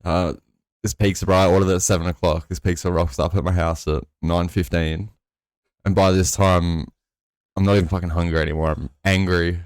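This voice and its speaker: A young man with a notably deep voice tells a long, rambling anecdote, peppered with swearing. His delivery is laid-back and conversational, recorded dry and close. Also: little pitch movement, brisk, a little mellow, dry recording. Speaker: podcast co-host. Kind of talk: casual storytelling chat.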